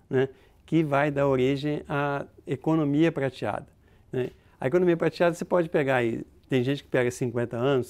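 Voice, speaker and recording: A man's voice: mid-range voice, a little mellow. A Brazilian man, a demographer, explaining concepts in an interview with many hesitations. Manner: hesitant, many fillers and restarts while explaining.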